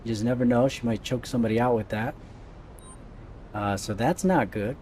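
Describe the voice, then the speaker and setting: Mellow male let's-play gamer, faint noise behind. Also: medium pitch, moderate pace. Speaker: gaming video host. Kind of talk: casual let's-play commentary.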